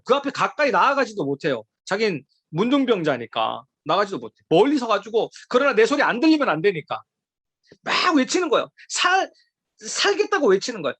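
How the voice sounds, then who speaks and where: Lively preacher, emphatic sermon, rhetorical questions, dry close sound. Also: medium pitch, breathy edge, no room sound. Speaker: youth group preacher.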